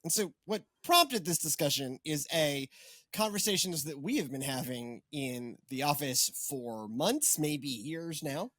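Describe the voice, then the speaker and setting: Chatty wry pastor hosting a podcast. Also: male voice, on the high side, expressive, measured pace, fairly bright tone, no room sound. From Texas. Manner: chatty, rambling, wry, many fillers and restarts. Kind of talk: casual podcast chat.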